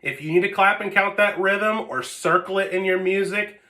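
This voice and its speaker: Bright high-voiced man teaching a lesson. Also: steady tone, normal speed. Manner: patient, repeats 'okay?' often. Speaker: music teacher. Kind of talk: online string lesson. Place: home, seated with whiteboard. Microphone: phone camera.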